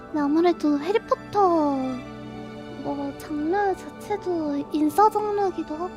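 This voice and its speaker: Young female live streamer, very high cute anime-style voice, unhurried casual chat. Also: over music.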